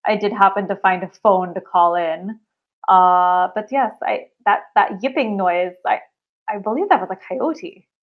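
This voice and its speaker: A woman's voice: mid-range voice, measured pace, narrow, tinny audio, close to an everyday voice. A woman playing a foreign caller from a makeshift tent, who tells stories in a prim, rambling way. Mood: matter-of-fact. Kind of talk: improvised comedy bit.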